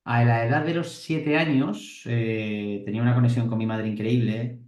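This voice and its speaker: A man in his forties speaks with a Madrid Spanish accent, recounting his life as an interview guest. He talks reflectively, pausing on "eh" and restarting phrases, in a mid-pitched voice. The sound carries a noticeable echo from the room. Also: fairly even intonation, darkish tone. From Spain. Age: 40s. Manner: reflective, frequent hesitations and restarts. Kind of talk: personal storytelling.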